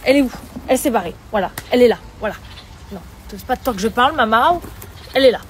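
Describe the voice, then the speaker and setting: A woman's voice: a little high, lively intonation, fast talker, a little hiss or hum. A woman with a lisp on her s sounds, chatting casually to her followers as she films stories on a phone. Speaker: vlogger filming social media stories.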